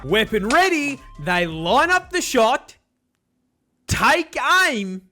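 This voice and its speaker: A man's voice: very high-pitched, sing-song, takes it slowly, over music. A man delivering scripted comedic nature narration in an exaggerated, sweary style. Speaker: video narrator.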